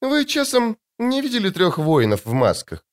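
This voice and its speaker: A man's voice: high voice, huge pitch swings, moderate pace, pitched above the performer's own voice, exaggerated voice. A man putting on a vain, airy beauty. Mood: airy, coy. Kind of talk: audiobook narration.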